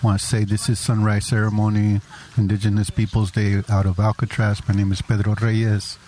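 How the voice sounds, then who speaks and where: A man's voice: on the low side, little pitch movement, moderate pace, dark tone, slight background noise. A man announcing at an outdoor sunrise ceremony, making firm, declarative statements. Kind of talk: announcing at a rally.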